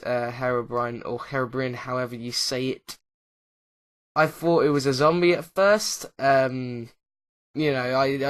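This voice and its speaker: Guy doing a minecraft vlog, lots of ums and uhs, kinda rambles and restarts, average pitch. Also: fairly bright tone. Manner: hesitant, lots of uh and um fillers; rambling, loses track mid-sentence. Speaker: YouTuber, Minecraft Let's Player. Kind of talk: casual commentary over gameplay.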